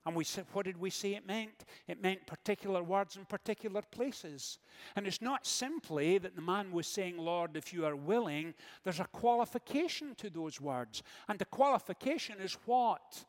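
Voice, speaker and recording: A man preaching a sermon as pastor, measured, with dramatic pauses and rhetorical questions. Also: high-pitched, lively intonation. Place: church sanctuary. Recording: long church reverb.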